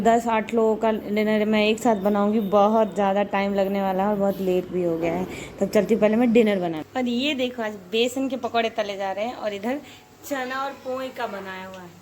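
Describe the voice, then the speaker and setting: A woman's voice: fairly high pitch, a little hiss or hum. A young woman chatting casually through a home vlog, rambling and repeating words as she talks. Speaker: vlogger.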